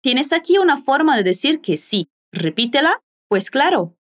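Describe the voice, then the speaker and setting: A woman hosting a language lesson, slowly and carefully modeling phrases for listeners to repeat. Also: high voice, very animated, fairly bright tone. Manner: slow, careful modeling of pronunciation. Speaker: language teacher and host. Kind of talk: language lesson with repetition drills.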